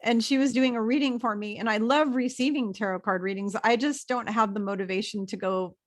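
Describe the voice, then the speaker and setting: A woman's voice: a little high, fairly even intonation, fairly quick. A woman guest who talks about her spiritual work in a chatty, enthusiastic, rambling way. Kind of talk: casual video interview chat.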